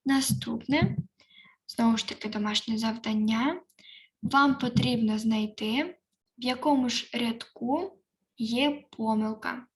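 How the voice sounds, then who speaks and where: Lady korean teacher, slow and careful, says each word twice, voice a bit high. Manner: repeats each word slowly and clearly. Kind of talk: online language lesson.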